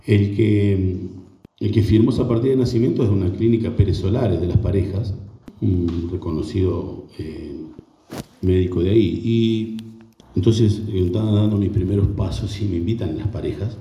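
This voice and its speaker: A man's voice: on the low side, normal speed, mellow, reverberant, distant mic. A man in his forties with an Argentine accent, giving an earnest personal testimony to an audience, hesitant and repeating words as he reflects. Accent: Argentine Spanish. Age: 40s. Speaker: speaker giving a testimonial talk.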